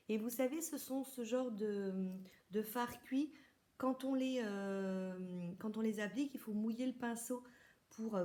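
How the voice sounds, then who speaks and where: Woman, from France, casual makeup haul vlog, chatty, hesitant restarts, mid pitch. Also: a little mellow. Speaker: beauty vlogger.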